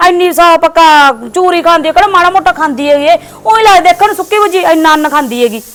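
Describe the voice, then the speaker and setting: A woman's voice: extremely high pitch, fast, a bit bright. A woman playing a defiant Punjabi daughter-in-law. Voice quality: argumentative. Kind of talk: village family skit acting.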